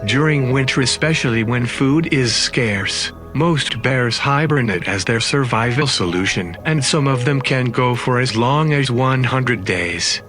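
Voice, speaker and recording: A man's voice: medium pitch, animated, a little slow, few pauses, fairly bright tone. A man reading scripted narration in the manner of a nature documentary. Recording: music under the voice. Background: background music.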